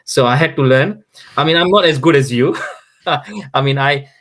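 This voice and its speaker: Male, Fiji Indian accent, slightly higher-pitched voice, informal storytelling guest who chuckles often. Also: animated, normal speed, fairly bright tone. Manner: chuckles often while talking. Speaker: interview guest. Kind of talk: casual chat, telling anecdotes.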